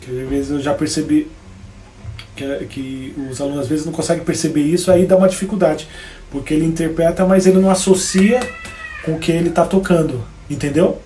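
Casual Brazilian male guitar teacher, mellow and fairly high voice, echoey room with guitar. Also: steady tone, brisk. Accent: Brazilian Portuguese. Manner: casual, chatty, greets viewers by name. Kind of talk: live-streamed guitar lesson.

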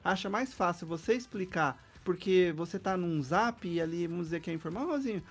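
A man from Brazil co-hosting a podcast, chatting casually in a relaxed, slangy way and laughing between remarks. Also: high-pitched, brisk, faint music behind. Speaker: podcast co-host. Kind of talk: casual chat.

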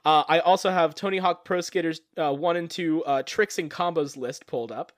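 A man's voice: on the high side, normal speed, dry recording, studio quality. A man co-hosting a casual comedic podcast, rambling with lots of fillers and laughing at his own jokes. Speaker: podcast co-host.

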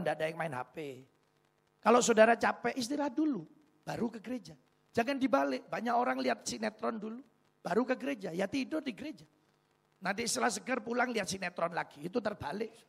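A man's voice: high-pitched, vocal fry, a bit bright, slightly rough. A male pastor preaching a sermon, telling humorous anecdotes and putting rhetorical questions to the congregation.

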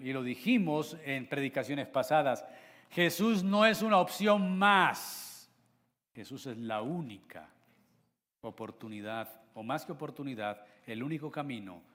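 A man's voice: fairly high pitch, pushed and bright. A man preaching a sermon as pastor, emphatic, with rhetorical questions to the congregation and a voice that swells and sinks. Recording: long hall reverb.

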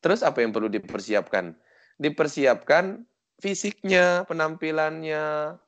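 Man from Sumatra giving a lively sermon. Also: a little high, measured pace. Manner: lively, joking, acts out quoted voices. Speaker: Islamic preacher. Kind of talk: casual religious lecture.

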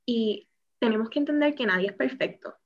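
Woman host, reflective and affirming, slightly high voice, muffled podcast sound. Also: brisk. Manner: warm affirming interjections, reflective. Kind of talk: podcast conversation. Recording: slightly dull podcast audio.

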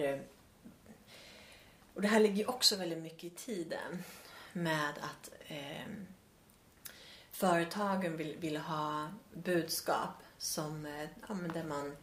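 A woman in casual conversation who talks thoughtfully, pausing and restarting her sentences often. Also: low-pitched, fairly bright tone. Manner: thoughtful, many hesitations and restarts. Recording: roomy echo.

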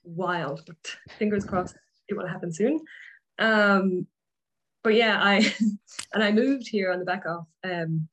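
A woman's voice: medium pitch, takes it slowly, slight background noise, rough recording. Laughing Irish woman, candid and self-mocking. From Ireland. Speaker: guest life coach. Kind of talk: casual podcast chat.

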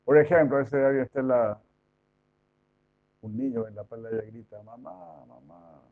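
A man's voice: mid-range voice, moderate pace. A man giving an informal devotional lecture, chatty, full of rhetorical questions and mock imitations. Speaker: devotional preacher. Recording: tinny phone-like sound.

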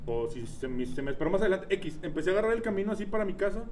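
A man's voice: high-pitched, very animated, racing, darkish tone, a little hiss or hum. A young man with a Mexican accent telling a story in casual chat, slangy and swearing a lot. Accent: Mexican Spanish.

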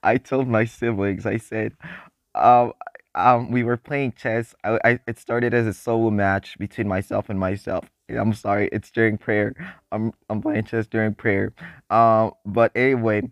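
In a faith vlog, a teenage guy of seventeen rambles excitedly and happily, restarting often and laughing. His voice has only recently deepened, and he keeps a measured pace. The studio-quality audio has no echo.

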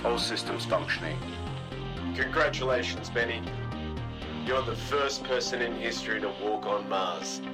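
Man doing a steady mission-control voice, filtered like a distant sci-fi communicator, with clipped checklist calls over loud music. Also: on the low side, a little slow. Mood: businesslike. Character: calm male mission controller on the radio. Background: loud pop music.

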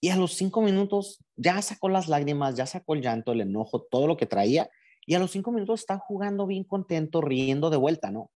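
A man's voice: on the high side, lively intonation, brisk, warm tone. A man talking through feelings in a casual conversation, thoughtful and explanatory. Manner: reflective, explanatory, voices imagined speech.

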